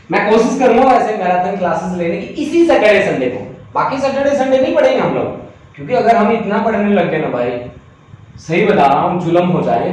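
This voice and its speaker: A male physics teacher giving an online class lecture, chatty, reading out student comments and making joking asides. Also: high voice. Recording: distant mic in echoey room, faint noise.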